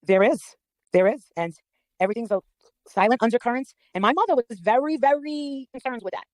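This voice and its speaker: In a casual, gossipy chat, a middle-aged woman tells her story bluntly and confrontationally, full of animation and free swearing. Her voice is a little high and her delivery brisk, in a dry recording.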